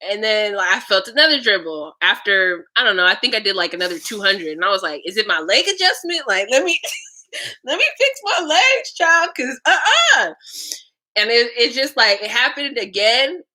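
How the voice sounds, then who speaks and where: Bright-voiced young woman vlogging frankly. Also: mid-range voice, animated, brisk, few pauses. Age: young adult. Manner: chatty, laughs often, frank and profane. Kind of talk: casual storytelling vlog.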